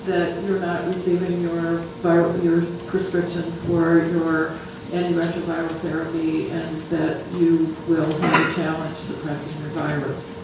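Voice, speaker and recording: At a public health meeting, someone presents data in a mid-range voice that stays flat and level, halting often and restarting sentences. The recording comes from far across a large, very echoey room, with steady background noise underneath.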